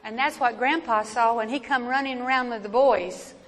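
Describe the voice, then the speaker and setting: Woman storyteller, Appalachian accent, fairly high voice, unhurried, folksy and dramatic, reverberant hall. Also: a bit bright. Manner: folksy, dramatic, deliberate with pauses. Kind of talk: oral family storytelling, live performance. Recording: echoey hall with noticeable background noise.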